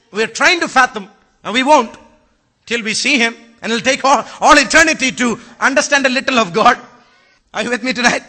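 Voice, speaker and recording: An impassioned man with an Indian accent preaches a sermon and now and then rises to a shout. His voice sits very high and rings very bright. He keeps putting rhetorical questions to his listeners. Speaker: pastor.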